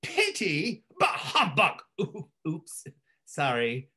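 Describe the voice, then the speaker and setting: An actor playing Scrooge, a grumpy, self-pitying old miser who complains slowly. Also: male voice, a little high, wildly swooping pitch, sharp tone, slightly rough, heavily acted. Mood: grumbling. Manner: slow, self-absorbed complaining.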